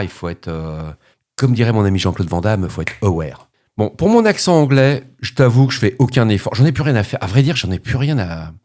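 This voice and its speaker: A man's voice: on the low side, darkish tone. A middle-aged man hosting a podcast, answering a listener in a frank, joking, rambling casual manner.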